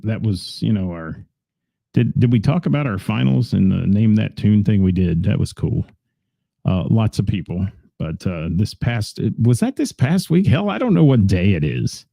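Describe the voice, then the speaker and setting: A man's voice: on the low side, gravelly, warm tone, no echo, clean studio sound. A man hosting a local radio show in a rambling, chatty, self-deprecating way, greeting listeners and talking about gigs. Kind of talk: casual radio chat reading listener comments.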